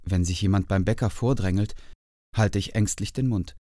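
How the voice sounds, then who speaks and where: A man's voice: fairly low pitch, normal speed, warm tone, no room sound, studio quality, lightly acted. A man doing a timid little hare. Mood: anxious. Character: timid young male hare, anxious.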